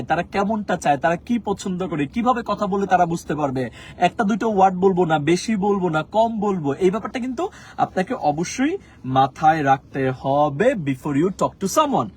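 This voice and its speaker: Earnest teacher, emphatic repeated English phrases. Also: male voice, high-pitched, husky. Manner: mixes slow emphatic English into fast talk. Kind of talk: motivational English lesson.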